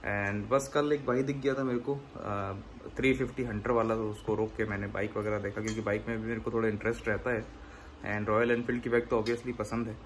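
A man's voice: lowish voice, flat delivery, brisk. A young man chatting casually as he vlogs while running errands, joking with shopkeepers. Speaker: vlogger. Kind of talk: casual vlog narration. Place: shops and roadside, outdoors and in a store. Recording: noisy street and store.

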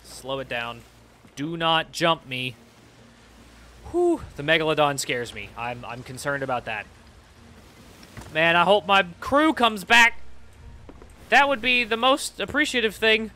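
A young man streaming a video game, excitably talking to himself as he plays. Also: fairly high pitch, measured pace, pauses often, slight background noise. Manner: excitable, talks to himself while playing. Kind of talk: live gameplay commentary.

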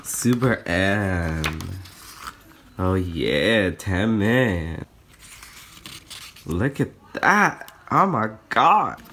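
Excitable young guy unboxing stuff, voice bouncing all over, talks slow and drawn out. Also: low-pitched, a little hiss or hum. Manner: gushing, excitable, squeals often. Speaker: vlogger. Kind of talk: casual unboxing chat.

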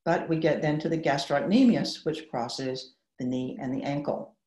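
A middle-aged woman, a sports medicine doctor, giving a measured, explanatory webinar lecture over a video call. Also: low-pitched, mellow. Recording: roomy echo.

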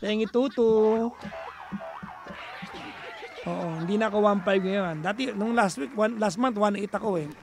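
Filipino male radio host, high gravelly voice, playful teasing banter with listeners, studio mic. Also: a little fast, few pauses, music in the background. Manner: chatty, mixes Tagalog and English, teasing, playful; bursts into loud, high exasperated rants. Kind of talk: casual radio talk with listeners.

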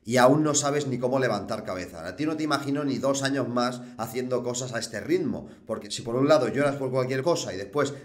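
A man's voice: mid-range voice, brisk, few pauses. Scolding man. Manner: combative, scolding, mocking. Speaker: host. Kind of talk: reaction rebuttal.

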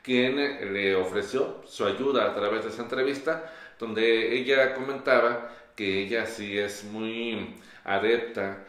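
A young man co-hosting a gossip show, explaining in a measured way with "eh" fillers in a small studio. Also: lowish voice, a bit bright. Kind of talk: casual gossip chat. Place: small studio on a pink sofa. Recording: roomy echo.

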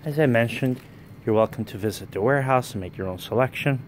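A man, running a wholesale business, giving a plain walkthrough sales pitch in a warehouse, listing items one by one while filming on a handheld phone. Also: quick pace, slight background noise. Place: indoor warehouse with dress racks. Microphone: handheld phone camera, speaker off screen.

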